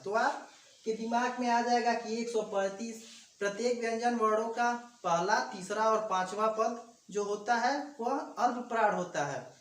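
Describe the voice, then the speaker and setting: A grammar teacher giving an exam-prep video lesson, explaining step by step and sounding out letters slowly, addressing viewers as friends. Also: medium pitch. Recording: echoey room, distant mic, faint background hum.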